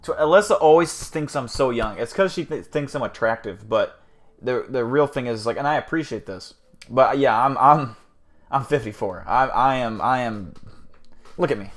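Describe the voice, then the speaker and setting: A man's voice: medium pitch, normal speed. A man hosting a casual livestream, rambling, swearing and joking with his chat. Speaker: livestream host.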